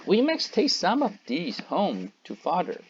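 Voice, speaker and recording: A clever young boy from a storybook, speaking plainly and slowly, as a man reads his lines aloud. The pitch moves a lot from word to word. The recording is dull and lo-fi. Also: huge pitch swings, slight background noise, heavily acted. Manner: gives plain instructions.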